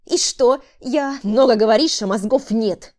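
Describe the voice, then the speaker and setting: A woman's voice: medium pitch, animated, moderate pace, mellow, natural voice. A woman voicing a brutal male killer in an audiobook, harsh and barking insults at his sister. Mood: angry. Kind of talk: audiobook character voice.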